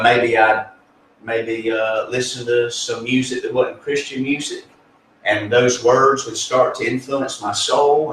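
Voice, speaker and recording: Male pastor, earnest and folksy, mid-pitched, heard from across a reverberant room. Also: fairly bright tone, a little hiss or hum. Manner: earnest, folksy, with many fillers and restarts. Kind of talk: conversational spiritual teaching. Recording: echoey room, distant mic, faint ambience.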